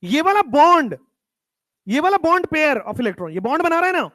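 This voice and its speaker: High-voiced, lively male chemistry teacher. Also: unhurried, no echo. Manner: emphatic, repeats key terms, drops pitch at definitions. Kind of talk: classroom lecture.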